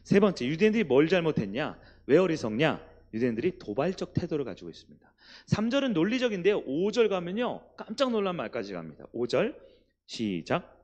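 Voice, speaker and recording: A man's voice: a little high, very animated, fairly quick, a little mellow. A male pastor preaching a sermon in church, asking the congregation questions and answering them himself.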